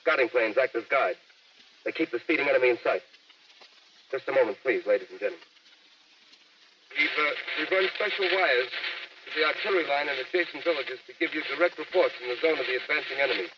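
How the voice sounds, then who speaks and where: A man's voice: medium pitch, a little fast, pauses often. An actor playing a grave male studio announcer reading urgent news bulletins in a 1930s radio drama, heard through an old AM radio broadcast. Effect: old AM radio broadcast sound. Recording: distant, muffled 1938 radio broadcast with hiss.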